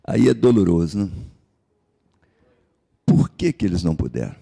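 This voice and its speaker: A male pastor with a Capixaba Brazilian accent delivers an impassioned sermon. His low voice has a gravelly edge and swoops widely in pitch. He takes his time, asking the congregation question after question. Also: big pitch swings, normal speed, dark tone. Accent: Capixaba Brazilian Portuguese. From Espírito Santo, Brazil. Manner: impassioned preaching, asks the congregation rhetorical questions.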